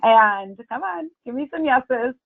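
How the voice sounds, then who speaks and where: A woman's voice: sits high, animated, a little slow, creaky. A woman hosts a team call and urges everyone to join in, earnest and frank in an upbeat way. Her voice comes through a thin, tinny phone line. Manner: earnest, blunt, upbeat urging. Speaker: team leader hosting a meeting call. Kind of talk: encouraging team talk.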